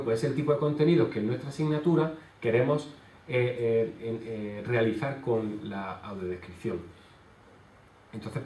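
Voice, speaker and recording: Male lecturer, halting explanatory delivery, distant mic in a reverberant hall, faint background noise. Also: medium pitch, warm tone. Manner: explanatory, many hesitation fillers. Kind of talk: conference talk. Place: conference hall. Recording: roomy hall sound from far off.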